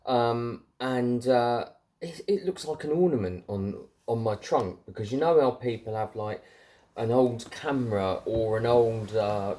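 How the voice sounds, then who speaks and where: A mid-range, warm male voice with a southern English accent. He's casually vlogging about his CB radio hobby, unscripted and chatty, with plenty of informal British slang.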